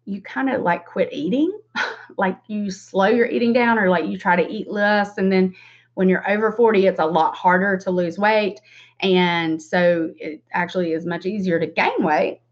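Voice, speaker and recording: A woman's voice: medium pitch, normal speed. Female livestream beauty host, 40s, Southern US drawl, mid-range voice, informal and chatty, slightly dull lo-fi sound. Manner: informal, rambling, self-deprecating asides. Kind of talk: casual chatty makeup tutorial livestream. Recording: dull lo-fi webcam stream.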